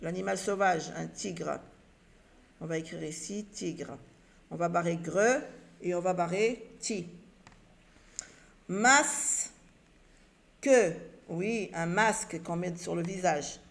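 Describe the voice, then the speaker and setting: Patient woman teacher, gravelly, unhurried delivery, sounds out syllables for children. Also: lowish voice. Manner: asks and answers her own questions. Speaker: primary school teacher. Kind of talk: children's reading lesson.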